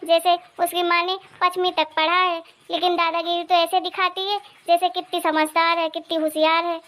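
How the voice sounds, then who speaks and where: A woman voicing a nagging grandmother in an animated cartoon who scolds her granddaughter and favors her grandson. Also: very high-pitched, normal speed. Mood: scornful. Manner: scornful, nagging, sharp-tongued.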